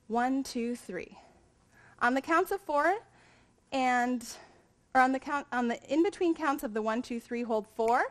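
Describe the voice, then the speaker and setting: A woman teaching a dance class, calmly coaching and counting out movements. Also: on the high side. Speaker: dance instructor. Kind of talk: instructional dance lesson with counting.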